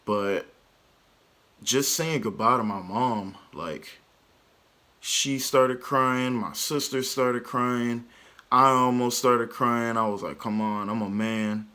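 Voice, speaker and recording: A man's voice: mid-range voice, slow pace, pushed and bright. A young man from Texas telling a casual story to his vlog audience, rambling and filling his sentences with "like". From Texas, USA. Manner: rambling, lots of "like" fillers. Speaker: vlogger.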